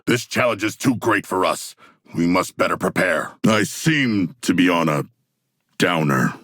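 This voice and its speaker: A proud shark demigod for a video game, low and rough-edged with a forceful bite. The creature speaks in stately, formal phrases, earnest and grandiose. The recording is dry and close. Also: male voice, no room sound, full character voice. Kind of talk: video game character voice lines.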